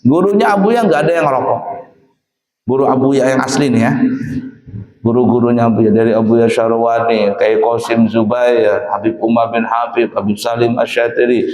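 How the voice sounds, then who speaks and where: A man's voice: medium pitch, fairly even intonation, moderate pace, a little mellow. A man giving a casual religious lesson to boarding-school students, quizzing them with questions and answering them himself. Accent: Indonesian. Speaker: pesantren teacher. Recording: echoey hall with a crowd of students.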